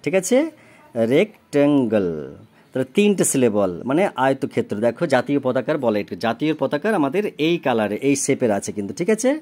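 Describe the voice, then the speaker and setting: A man's voice: mid-range voice, very animated, fast talker, few pauses, a little mellow. A man, tutoring a child in a recorded homework lesson. He spells words letter by letter, gives their meanings, and keeps asking whether the child understands. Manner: often checks understanding with questions.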